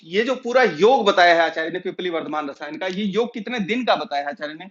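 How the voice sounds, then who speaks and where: A man teaching an exam-prep lecture. He explains slowly, asks his own questions and then answers them, with many pauses and filler sounds. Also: high-pitched, animated, a bit bright, lo-fi sound. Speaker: Ayurveda teacher.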